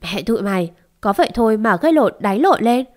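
A woman voicing a scolding older aunt of the household, brisk and sharp. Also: a little high, animated, lightly acted.

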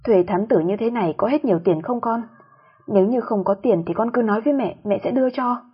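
Lady doing a breathy old mother-in-law, pitched up, bossy and loud when she scolds, dull lo-fi sound. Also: brisk. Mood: pleading. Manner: scolding, raised voice. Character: stern elderly mother-in-law, tender then furious.

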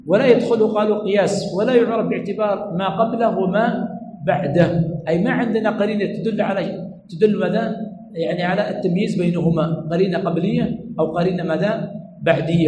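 A man's voice: high-pitched, mellow, roomy sound, a little hiss or hum, rough recording. A sheikh teaching a class lesson, repeating each point and asking his students what comes next, then answering himself. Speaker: sheikh teaching hadith terminology. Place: lecture room at a religious study center.

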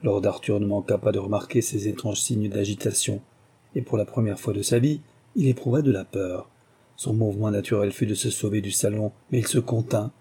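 A male audiobook narrator reads in a measured, literary manner. His voice is very dark and mellow, with a husky grain. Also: lowish voice. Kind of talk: scripted narration.

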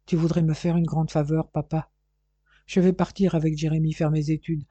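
A man's voice: fairly high pitch, level tone, normal speed, dark tone, dry recording, dull audio, natural voice. A man voicing a heartbroken, lovesick young man who pleads and despairs. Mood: pleading.

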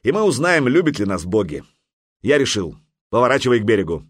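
A man voicing a resolute viking chieftain who speaks calmly, firmly and with command. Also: medium pitch, a little fast, husky, no echo, studio quality. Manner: calm, firm, commanding. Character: stern, resolute male viking jarl.

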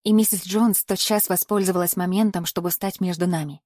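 A woman narrating a novel aloud in the first person, in a measured, even storytelling manner. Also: fairly low pitch, no room sound, clean studio sound. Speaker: audiobook narrator.

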